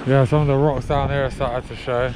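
A man's voice: medium pitch, level tone, quick pace. A young man vlogging his fishing trip outdoors on a sea wall, talking in a rambling, chatty way into a handheld camera mic, with "but yeah" over and over. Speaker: angler vlogger. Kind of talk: casual outdoor vlog. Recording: loud wind noise outdoors. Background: wind and water.

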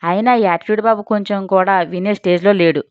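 Female storyteller, dramatic and expressive, mid-pitched; dry, slightly dull recording. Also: fast talker, clear, resonant tone, no echo. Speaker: audio story narrator. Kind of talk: scripted storytelling narration.

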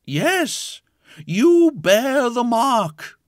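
A solemn oracle from a fantasy cartoon, speaking as if in a prophetic trance. The voice is high and swooping, drawn out very slowly with portentous pauses. The sound is close and dry. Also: male voice, very animated, dry recording, full character voice. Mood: solemn, mystical. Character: solemn mystical animal oracle recounting ancient prophecy. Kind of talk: scripted animated fantasy storytelling.

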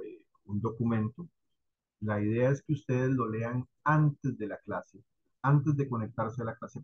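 Explaining patiently in an online lesson, a Costa Rican-accented man keeps turning to his students with "¿verdad?" and "¿ok?" to check they're following. His voice sits in the mid range and is slightly rough, while the recording sounds dull.

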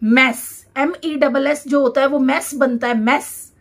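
A woman teacher, reading English words one by one for a dictation lesson and repeating each one clearly. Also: sits high, fairly even intonation. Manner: reads each word slowly and repeats it.

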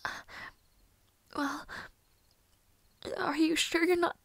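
Fully in character as a devoted, fragile young maid, a woman performs an intimate audio roleplay in a very high, breathy, fairly bright voice with a steady tone. She murmurs tender, halting half-whispers very slowly, in a soothing mood, recorded close and dry with no room sound.

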